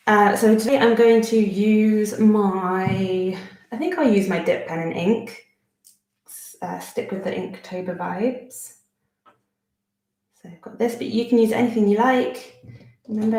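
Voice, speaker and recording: A woman in her thirties with a Bristolian accent leads a friendly step-by-step drawing lesson from her home studio desk, thinking aloud and teasing herself as she works. Her medium-pitched voice is warm, captured in an echoey room on a low-quality recording.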